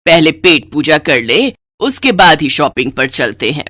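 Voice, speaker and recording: A woman's voice: deep voice, big pitch swings, measured pace, fairly bright tone, no room sound, pitched below the performer's own voice, heavily acted. A woman voicing a harsh, bossy older mother-in-law who scolds with contempt.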